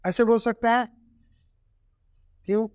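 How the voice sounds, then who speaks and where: A man's voice: very high-pitched, steady tone, slow pace, clear, resonant tone, no room sound, studio quality. A man teaching a grammar lesson. He repeats each example word by word and often checks whether the class has understood. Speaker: English teacher.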